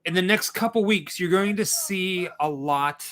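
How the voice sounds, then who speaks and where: A man's voice: high voice, unhurried, a bit bright. A man in his forties co-hosting a livestream, joking casually and thanking viewers. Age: 40s. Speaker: co-host of a horror watch-party stream.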